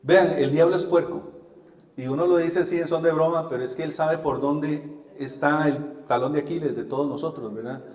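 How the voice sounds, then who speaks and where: Costa Rican male preacher, middle-aged, slightly high voice, homely storyteller; roomy hall with long reverb. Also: steady tone, moderate pace, darkish tone. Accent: Costa Rican Spanish. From Costa Rica. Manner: folksy storyteller, laughs at himself. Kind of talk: sermon with personal testimony.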